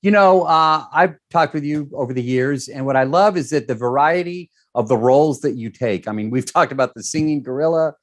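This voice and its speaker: A man interviewing in a chatty, effusive and energetic way, with choppy bursts of questions. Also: fairly high pitch. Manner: effusive, energetic, choppy fast-starting delivery. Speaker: entertainment interviewer.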